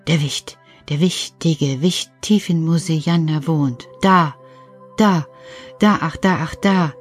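A woman's voice: deep voice, slow pace, faint music behind. A woman voicing Petra, a dreamy female puppet character reciting rhymes in a sing-song way.

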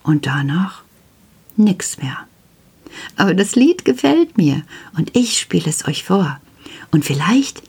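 A woman telling a children's story in a husky, often whispered voice, lively and intimate. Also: lowish voice.

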